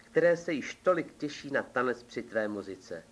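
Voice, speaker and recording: A man's voice: mid-range voice, lively intonation, close to an everyday voice. A man doing a silvery-voiced forest fairy. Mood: gentle coaxing. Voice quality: soft, silvery voice. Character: beautiful young female forest fairy, gentle and sad.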